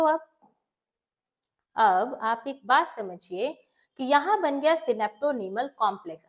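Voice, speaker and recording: A woman teacher speaks in a high, clear voice. She walks through the lesson step by step, posing questions and answering them herself while mixing Hindi with English terms. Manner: explains step by step, asks and answers her own questions. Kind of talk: bilingual classroom lecture.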